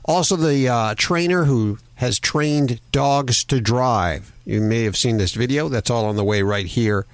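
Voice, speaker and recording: A man hosting a pet radio show who takes calls in a brisk, upbeat announcer manner. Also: mid-range voice, no room sound. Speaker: radio host.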